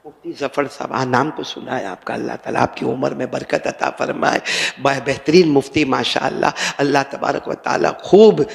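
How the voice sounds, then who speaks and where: A man's voice: mid-range voice, vocal fry, big-room sound. An older man preaching a sermon, telling stories and speaking straight to a seated audience. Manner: storytelling preacher, addresses crowd directly.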